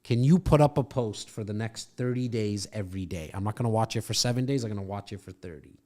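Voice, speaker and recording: Speaking fast in a fairly low, darkish voice, this middle-aged podcast host and real estate coach mentors a guest casually from his home studio. His coaching comes across as a brash, profanity-laced pep talk.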